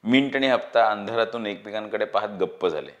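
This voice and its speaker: A man reading a novel aloud in a steady, expressive storytelling manner. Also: fairly low pitch, a little fast, dull audio. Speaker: book reader.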